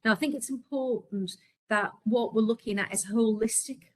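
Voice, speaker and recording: A woman with a Scouse accent giving a webinar presentation on workplace culture, talking quickly and earnestly with frequent ums and restarts. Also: a little high, poor audio. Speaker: healthcare leader presenting.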